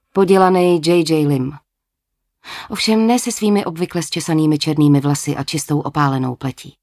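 A woman's voice: sits low, a little mellow, no room sound, clean studio sound. A woman narrating a novel as an audiobook, with a wry, lightly ironic tone.

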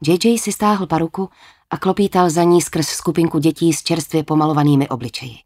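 A woman's voice: sits low, fairly even intonation, a little mellow, no echo, studio quality. A woman narrating a novel as an audiobook, with a wry, lightly ironic tone.

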